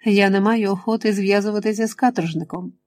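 A woman's voice: medium pitch, steady tone, quick pace, darkish tone, dry recording, lightly acted. A woman voicing a frightened young woman who pleads breathlessly and resists an attacker in an audiobook. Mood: defiant.

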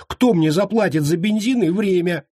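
A hot-tempered young man who whines and bursts out in protest, voiced by a man in an audiobook. His voice is husky with wide pitch swings, recorded dry. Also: sing-song, moderate pace, no echo. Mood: indignant. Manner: whining, indignant.

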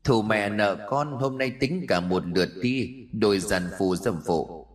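Hushed menacing female ghost, vengeful dead wife, horror audiobook, low voice, a man reading her. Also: unhurried, close to an everyday voice. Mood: accusing.

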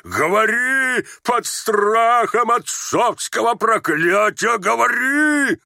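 A man reading aloud, voicing an old retired general who shouts, blusters and stammers. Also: mid-range voice, very animated, takes it slowly, dry recording, clean studio sound. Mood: raging. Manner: shouting, bellowing, stammering in confusion.

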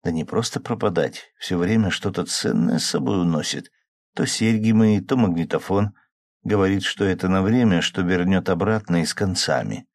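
A man's voice: sits low, normal speed, dry recording, clean studio sound. A man voicing an upset young woman who sighs and pleads plaintively, in an audiobook. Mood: confiding. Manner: plaintive, sighing. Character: upset young woman, worried about her drinking man.

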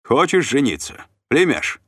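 A man's voice: medium pitch, big pitch swings, measured pace, slightly rough, no echo, clean studio sound, pitched above the performer's own voice. A man voicing a plump, sly and jovial noble uncle who banters and bargains. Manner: chatty, bantering, scheming.

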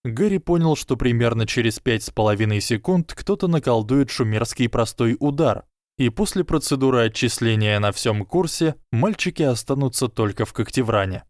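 A man narrating a story aloud in a lively, expressive way. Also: mid-range voice, moderate pace, dry recording, clean studio sound. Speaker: audiobook reader.

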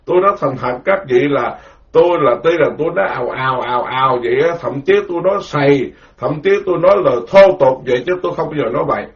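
Animated monk, lo-fi. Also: male voice, medium pitch, fast. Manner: rambling, animated storytelling with quoted voices. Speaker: Buddhist monk giving a dharma talk. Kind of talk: informal spoken sermon. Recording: dull lo-fi recording.

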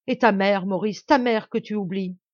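A woman voicing an elderly, anguished baron who pleads with his son in loud, commanding outbursts. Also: mid-range voice, normal speed, dry recording, natural voice. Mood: anguished urgent. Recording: dull dry recording.

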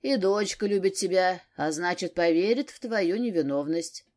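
A woman's voice: fairly low pitch, moderate pace, darkish tone, lightly acted. A woman reading an audiobook, voicing a grumbling, disgruntled husband. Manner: grumbling, muttering.

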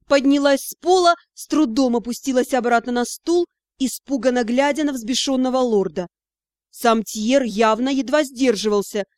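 A woman's voice: high voice, darkish tone, dry recording, clean studio sound. A woman narrating a first-person fantasy story as an audiobook reader, telling it expressively and acting out the dialogue.

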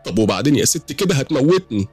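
A man's voice: mid-range voice, sing-song, rapid-fire, a little mellow, slightly rough, faint music behind, pitched above the performer's own voice. A man with an Egyptian accent voicing a frightened young woman, a new mother, who pleads and stammers. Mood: pleading. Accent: Egyptian Arabic.

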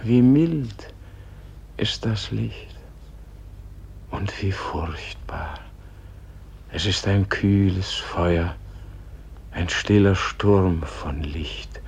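An actor playing a dying, weary and pleading Gandhi in a solemn poetic radio play, grave and halting, with a husky, breathy voice. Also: male voice, low voice, darkish tone, slight background noise, full character voice. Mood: awed, faltering. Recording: dull, muffled old radio recording.

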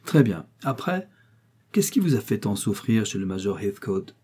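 A curious rich old gentleman asks calm, grave questions in a storybook reading, voiced by a male narrator. His tone is mellow and slightly husky, courteous but searching. He wants the truth without showing his hand. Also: on the low side, normal speed. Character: strange rich older gentleman visitor, probing.

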